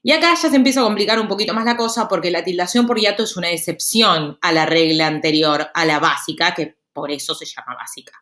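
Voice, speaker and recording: A woman, teaching a grammar lesson in a lively, explanatory way. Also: fairly low pitch, echoey room. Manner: lively, explanatory, speeds up and slows down for emphasis. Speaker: Spanish teacher.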